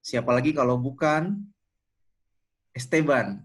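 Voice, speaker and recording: A man's voice: medium pitch, a little slow, breathy edge. A man hosting a casual sports interview. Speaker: host.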